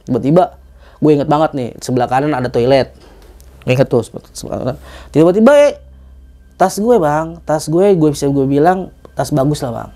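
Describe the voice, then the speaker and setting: A young man, a guest telling a story in casual chat, animated, acting out dialogue and swearing casually. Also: fairly high pitch, a little fast.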